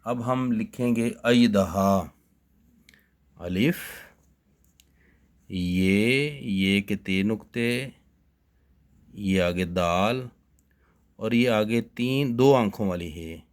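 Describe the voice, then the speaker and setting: Patient male Urdu teacher, deep and slow, spelling words out for young pupils. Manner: patient, spells letters one by one and repeats them. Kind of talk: slow spelling dictation lesson for children.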